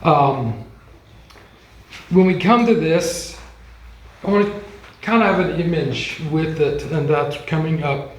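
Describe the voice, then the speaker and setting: A man leads a Bible class, talking slowly in a loose, chatty way that is full of ums and small acted-out quotes. His voice sits a little high for a man, and the room around him rings with echo. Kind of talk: casual Bible class teaching. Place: church classroom. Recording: echoey room.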